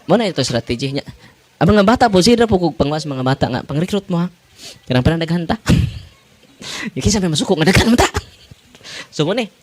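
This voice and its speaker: A priest delivers a sermon in a lively, swooping voice. He laughs often, switches languages, and sits a little high for a man. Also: a little fast, pauses often. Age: 40s. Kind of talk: sermon to parishioners.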